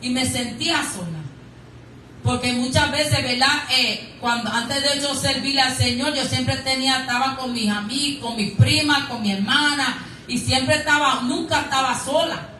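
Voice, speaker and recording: A woman preaches in a church, recorded from a distance so her voice rings through a very echoey hall. Her voice is high and bright. She tells her testimony earnestly, repeating words for emphasis. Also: moderate pace, a little hiss or hum. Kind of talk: sermon with personal testimony.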